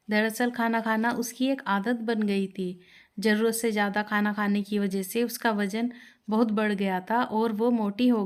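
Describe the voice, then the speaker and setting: Female storyteller, scripted narration, plain and steady, somewhat high pitch.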